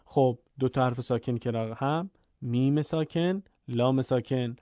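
A man teaching Quran recitation rules in a calm spoken lesson, pausing to chant examples. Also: medium pitch, dry recording. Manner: explains slowly, then chants Arabic examples.

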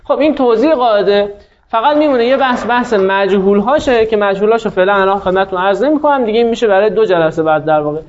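A man with a fairly high voice leads a grammar class, explaining rules patiently and quizzing his students. He slows down when dictating word forms. The recording is dull and lo-fi. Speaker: Arabic grammar teacher. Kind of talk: classroom lesson. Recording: dull lo-fi sound.

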